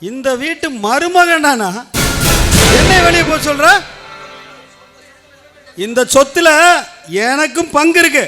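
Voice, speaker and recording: A man plays a brash, greedy son-in-law villain in a melodrama, confrontational and demanding. His voice sits very high. Music is clearly heard behind. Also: expressive, measured pace, pauses often. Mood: menacing.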